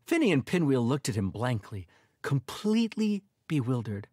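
A man narrating a children's audio story in a lively, expressive manner. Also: medium pitch, normal speed.

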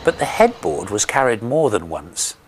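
A man's voice: lowish voice, very animated, moderate pace, noisy background. A man reading scripted documentary narration with polished, dramatic storytelling phrasing.

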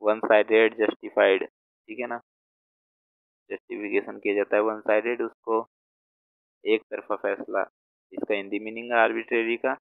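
A man with a low, flat voice explains word meanings in a slow teaching manner, repeating each word as he writes it down. The sound is thin and phone-like, with a dry, close feel and clean diction. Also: creaky, no room sound. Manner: slow, repeats words while writing them out. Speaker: vocabulary teacher.

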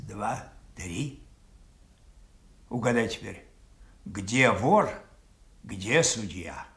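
An actor playing a mad old king, imperious and bitterly rambling, with deliberate, mocking declamation in a classical radio tragedy. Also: on the low side. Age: older. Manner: declamatory, deliberate, shifting between mockery and command.

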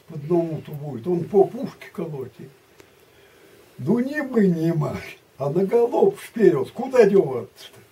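An elderly man reminisces like a grandpa spinning a rambling story, halting and repeating himself in plain colloquial words. His voice is slightly high for a man and very soft-edged and dark in tone. It is picked up a little away from the mic. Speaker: war veteran recounting memories. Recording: distant mic, muffled, background noise.

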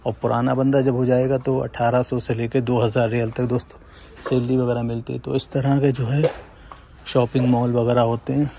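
Phone in hand, a young vlogger from India tours a large indoor supermarket and talks to viewers in an easy, conversational way, often saying "friends." His voice is gravelly and dark, medium-pitched with little movement, at normal speed over slight background noise.

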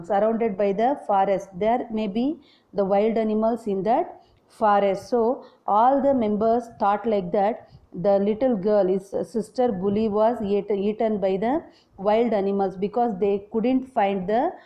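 A woman's voice: medium pitch, measured pace, highs cut off. A woman explains a school English lesson as a teacher, repeating and rephrasing her points.

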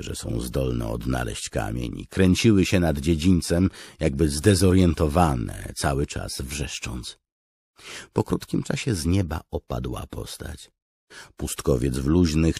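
A man narrating a fantasy audiobook in a measured, steady way. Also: very deep voice, creaky, slightly rough, no echo.

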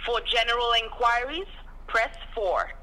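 A woman's voice: fairly high pitch, lively intonation, a little slow, poor audio. A woman's recorded phone menu message, reading a formal greeting and numbered menu options for a customer service line. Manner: formal, evenly paced recorded announcement.

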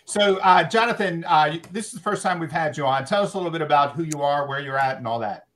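Relaxed man hosting an interview. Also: fairly high pitch, fast talker. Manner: relaxed, filler-heavy, affirming. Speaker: podcast host.

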